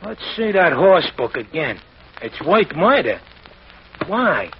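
A greedy sidekick wheedles and pushes with a lively, slightly high voice. His pitch rises and falls expressively. It sounds like a muffled old radio broadcast with faint hiss. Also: slow pace, heavily acted. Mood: wheedling. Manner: wheedling, pushy. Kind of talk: 1940s radio acting.

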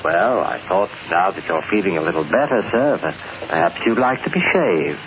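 A man playing a deferential, quietly controlled butler with formal, polite manners in an old-time radio drama. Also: deep voice, lively intonation, normal speed. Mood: polite, measured. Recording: tinny, noisy old radio recording.

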